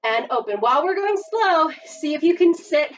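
Her voice is high and expressive at a moderate pace, with slight background noise. She's an aerobics instructor in her thirties running a barre workout from a carpeted home playroom, giving counts and brief commands, picked up muffled and distant by a far-off camera mic.

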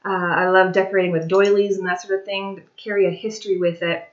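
Talking quickly with fairly even intonation, this mid-range, slightly raspy woman in her forties shows her craft pages while chatting at home. She's a craft and tarot vlogger, rambling and full of fillers, sitting in the dining room near a china cabinet. The sound from her desk webcam is a little dull and lo-fi.

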